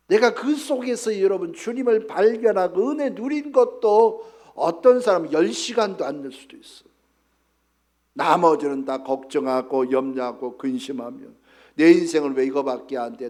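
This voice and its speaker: A man's voice: sits high, a little mellow. A male pastor delivering an emphatic sermon in church, often calling out to the congregation.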